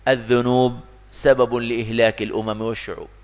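A man preaching a sermon, lively and rhetorical, acting out imagined voices as he goes. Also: mid-range voice, quick pace. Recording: dull echoey hall.

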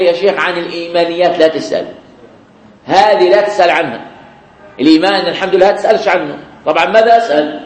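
Male preacher, high-ish voice, slow emphatic repetition, roomy mosque sound. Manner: repeats key phrases, slow drawn-out quoting. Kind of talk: sermon. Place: mosque after prayer. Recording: echoey prayer hall.

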